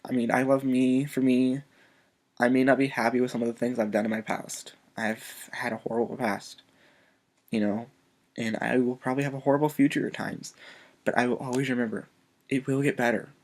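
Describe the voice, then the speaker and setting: Male vlogger, quiet and earnest, halting delivery, on the edge of tears, plain mid-pitch voice. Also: level tone. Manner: soft-spoken. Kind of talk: emotional personal video message.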